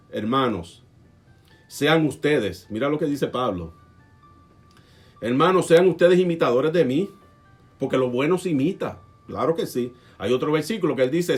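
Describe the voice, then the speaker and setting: A man preaching a sermon emphatically, swinging between loud and soft and asking the congregation questions. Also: fairly high pitch. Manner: asks the congregation rhetorical questions.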